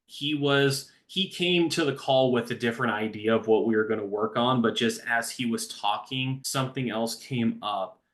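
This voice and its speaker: A man speaking as a recovery-coach guest in a conversational interview, earnest and growing animated as he tells a story. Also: medium pitch, normal speed, hardly any pauses.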